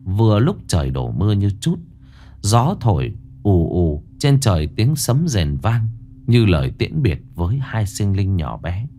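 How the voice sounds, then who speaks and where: Guy telling a ghost story, lowish voice, super animated, faint music behind. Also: unhurried. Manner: dramatic, expressive storytelling.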